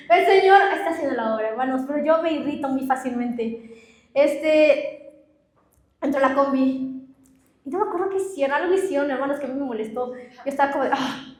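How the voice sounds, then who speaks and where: A woman's voice: high-pitched, echoey room. A young woman preaching a sermon and telling personal stories, often addressing the congregation. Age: young adult. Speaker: pastor. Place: church.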